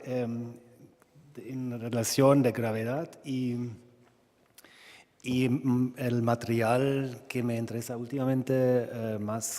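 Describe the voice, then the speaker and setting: A man with a German accent gives an informal talk in a long-reverb hall. His delivery is slow and halting, with a mellow tone, as he searches for words in a second language. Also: mid-range voice. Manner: halting, searching for words in non-native Spanish. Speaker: sculptor presenting own work. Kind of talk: informal conference presentation.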